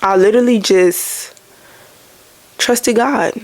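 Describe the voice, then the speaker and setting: A woman's voice: medium pitch, slow, darkish tone. A young woman hosting her own podcast, chatting casually about faith and addressing listeners as y'all. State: out of breath. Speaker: podcast host.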